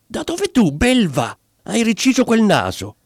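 A man voicing a furious wife who scolds in a shrill, high voice. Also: big pitch swings, brisk, dark tone, breathy edge, no echo, clean studio sound, exaggerated voice.

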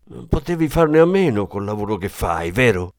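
Hard threatening ex-cop, read by a guy, low voice, dry close mic. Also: big pitch swings, normal speed, no room sound. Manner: menacing, forceful, low.

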